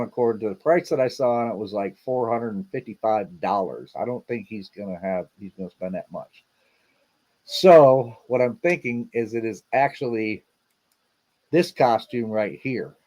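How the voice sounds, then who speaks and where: A man's voice: medium pitch, a little mellow. A man hosting a casual livestream, chatting and rambling as he reacts to video clips he plays. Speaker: show host.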